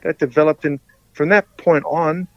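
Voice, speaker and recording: A man with an Australian accent in his fifties tells stories in a loose, rambling way, stumbling over and repeating his words. His voice sits a little high. The sound is dull and dry. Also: steady tone, normal speed, no room sound. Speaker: podcast guest, former rugby league player. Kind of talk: casual storytelling.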